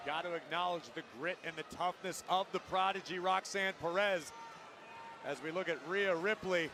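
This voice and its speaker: A male wrestling commentator in the analyst seat, high in pitch, with clear arena noise behind. He gives opinionated live colour commentary and explains tactics in full sentences. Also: steady tone, normal speed.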